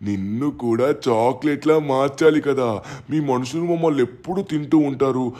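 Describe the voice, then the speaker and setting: A man's voice: mid-range voice, a little fast, mellow, natural voice. A man voicing a boastful alien male leader of chocolate bunnies in a gaming video story, gloating and barking orders.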